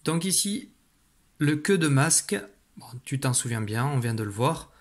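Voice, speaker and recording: A man's voice: medium pitch, expressive, moderate pace. A man teaching young children in a recorded video lesson, giving patient step-by-step instructions as he writes on a slate.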